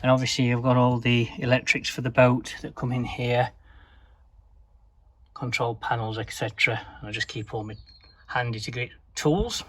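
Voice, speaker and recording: A man's voice: medium pitch, fairly even intonation, moderate pace, fairly bright tone. Chatty man touring his boat. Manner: chatty, rambling, with fillers. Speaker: vlogger showing his boat. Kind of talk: casual vlog tour. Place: narrowboat cabin, indoors. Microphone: handheld camera.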